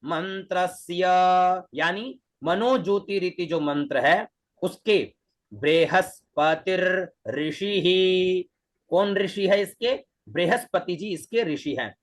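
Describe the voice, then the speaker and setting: A man teaching Vedic mantras online. He breaks each word into syllables, repeats it several times, and chants the full verse. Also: high voice. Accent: Hindi. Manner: spells out syllables slowly, then chants the mantra.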